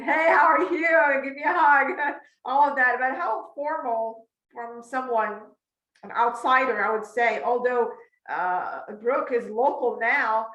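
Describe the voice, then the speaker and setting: High-pitched woman interviewer, bright tone, asks with lots of restarts. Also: reverberant, lo-fi sound. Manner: laughs often, asks questions with many restarts. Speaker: podcast host. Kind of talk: casual interview chat.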